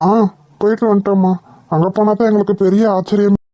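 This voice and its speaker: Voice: medium pitch, level tone, fast talker, mellow, no room sound, lightly acted. A voice actor playing a modest, good-hearted husband in a cartoon who speaks reassuringly. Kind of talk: cartoon voice acting.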